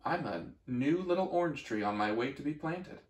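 A man voicing a friendly, calm young orange tree who talks in a gentle, reassuring way. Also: mid-range voice, normal speed, echoey room, natural voice.

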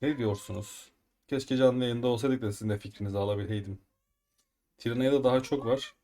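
Gaming host, male, mid-pitched, chatty play-by-play, easily riled, keyboard clatter behind. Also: a little fast, slight background noise. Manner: excitable, frustrated outbursts while upgrading items. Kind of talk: casual gameplay commentary. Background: keyboard typing and mouse clicks.

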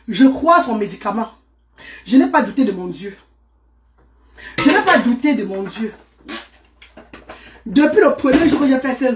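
A woman talking live to her viewers in a casual stream, exclamatory and greeting people by name. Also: on the high side.

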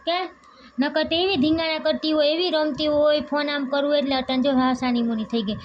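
High-voiced young mother, doting and chatty, home vlog, dull noisy audio. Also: fairly even intonation, brisk. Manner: chatty, doting, talks to her small daughter. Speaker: family vlogger, mother. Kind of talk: casual home vlog chat. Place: home, indoors. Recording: dull muffled home audio with loud background noise.

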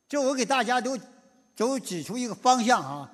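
A man with a Northeastern Mandarin accent gives a moral lecture in a lecture hall, telling stories in a folksy, animated way with many "是吧" asides. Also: very high voice, normal speed. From Northeast China. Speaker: public lecturer. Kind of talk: moral lecture told through anecdotes. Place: lecture hall at a public forum.

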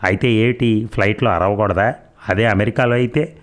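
A teasing young husband full of banter and mock sulks, as a male narrator reads him. His voice sits low and plain, the tone of an audiobook romance. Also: steady tone, normal speed, lightly acted. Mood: mock angry. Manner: playful banter, mock pleading. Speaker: doctor.

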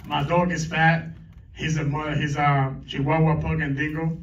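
A man's voice: fairly high pitch, level tone, moderate pace. A middle-aged man doing a stand-up comedy set on a club stage, teasing the crowd with crude banter. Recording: echoey club, distant mic, dull lo-fi.

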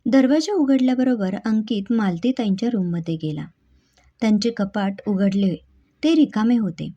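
A woman host reading a scripted story aloud in a calm, measured way. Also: medium pitch. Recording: dull lo-fi home recording.

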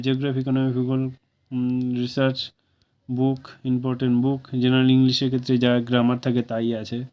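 Casual Bengali man explaining job notices. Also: mid-range voice. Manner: casual, keeps asking "okay?" to viewers. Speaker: job news presenter. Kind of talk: informal job-vacancy explainer. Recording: dull lo-fi recording.

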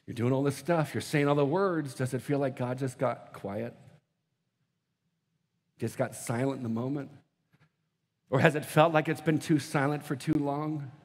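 A man preaching a sermon as pastor, moving between hushed, slow prayer and loud, quick bursts, acting out scripture scenes in mock voices. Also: medium pitch, long reverb tail. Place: church auditorium.

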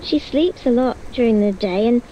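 A timid little girl from a horror game, voiced by a woman, high and sing-song with a slow, hesitant delivery. She sounds soft and pleading, clinging to every word. Noise hums clearly underneath. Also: expressive, highs cut off. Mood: quiet.

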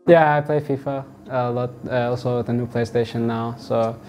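A young man from Australia, a football player answering interview questions in a relaxed, halting way with many fillers. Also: medium pitch. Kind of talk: sit-down interview. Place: indoors in front of a wall of football boots. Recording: music playing underneath.

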